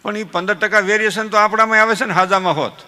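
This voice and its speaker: A man with a Saurashtra Gujarati accent doing folk stand-up storytelling, animated and chuckling at his own jokes while he mimics family members. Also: high-pitched, quick pace. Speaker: folk comedian.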